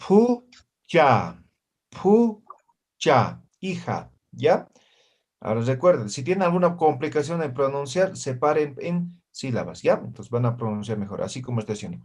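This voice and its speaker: A man teaching a language class over a video call, slowly repeating words and checking in with his students. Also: medium pitch, big pitch swings, a little mellow. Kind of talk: online class teaching vocabulary.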